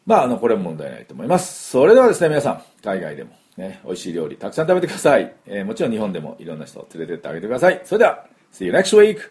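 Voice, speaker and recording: A middle-aged man teaching English phrases in a spoken lesson, explaining patiently and modeling each phrase slowly for listeners to repeat. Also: on the low side, wildly swooping pitch, a little mellow.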